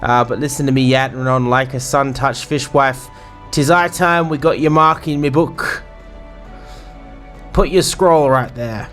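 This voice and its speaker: A man's voice: medium pitch, fairly even intonation, unhurried, fairly bright tone, faint music behind, lightly acted. A man voicing a boisterous, bawdy male sailor innkeeper in a put-on English pirate accent, full of salty slang. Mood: jovial. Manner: salty slang, rambling banter.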